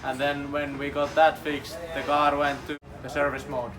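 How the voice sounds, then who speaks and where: A man's voice: fairly high pitch, level tone, moderate pace, over music. A man speaking simple English, giving an informal update as a racing driver. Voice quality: non-native English with simple phrasing. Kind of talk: informal race weekend update to camera. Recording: noisy outdoor racetrack paddock.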